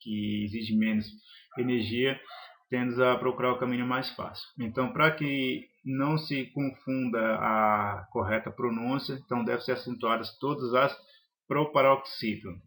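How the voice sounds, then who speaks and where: Man, grammar teacher, methodical, lists examples, mid-range pitch. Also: steady tone, fairly bright tone. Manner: methodical, lists examples slowly, some hesitations. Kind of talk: spoken grammar lesson.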